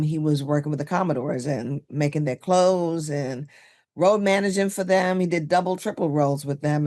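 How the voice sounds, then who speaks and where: A woman in her sixties, originally from Barbados, telling stories as a guest in a podcast interview, chatty and animated, with fillers and laughs. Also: sits low. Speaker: guest, makeup artist.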